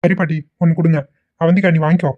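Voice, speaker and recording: A woman playing a caring young husband for a cartoon, easygoing and affectionate. The voice is low and quick, and the sound is tinny and phone-like. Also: level tone, close to an everyday voice. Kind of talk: cartoon voice acting.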